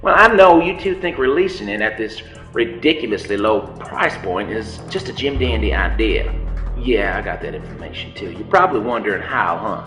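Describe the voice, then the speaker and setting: A man's voice: lowish voice, animated, moderate pace, a bit bright. An actor playing a smug scheming villain who taunts his captives with theatrical menace in a comedy sketch. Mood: gloating. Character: smug scheming villain man, folksy drawl. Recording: echoey room with music bed.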